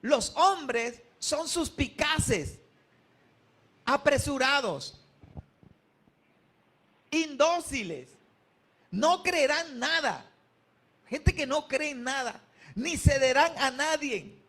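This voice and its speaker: A man's voice: very high-pitched, expressive, very slow, long pauses, sharp tone. A male pastor preaching a sermon in an emphatic style, calling on the congregation to answer back. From Colombia.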